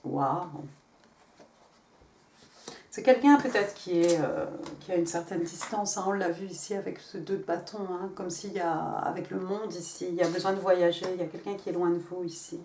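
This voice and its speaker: A woman's voice: lowish voice, moderate pace, darkish tone. Chatty woman reading tarot cards. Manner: chatty, stumbles and repeats words, laughs at herself. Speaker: tarot reader. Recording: roomy, mic at a distance, faint noise.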